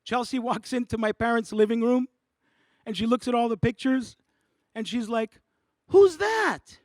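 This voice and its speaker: A man doing stand-up comedy, animated and quick to switch voices. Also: extremely high pitch, dry recording, clean studio sound. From Montreal, Canada. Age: 40s. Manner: animated, jumps between voices and languages. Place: theatre studio.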